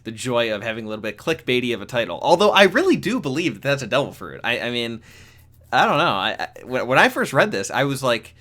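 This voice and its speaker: A young man chatting casually in a solo manga review, rambling with many restarts and growing excitable. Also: mid-range voice, fast. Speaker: YouTube manga commentator.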